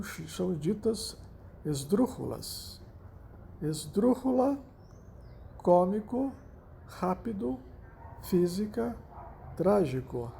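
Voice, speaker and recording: A man with a Brazilian Portuguese accent walks through a lesson at an unhurried pace, pausing to check understanding with listeners. His voice is gravelly and dark, sitting a little higher than usual. Faint background noise hums underneath the recording. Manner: slow, repeats himself, frequent "né?" and "tá?" checks. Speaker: language teacher. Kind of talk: explanatory lesson.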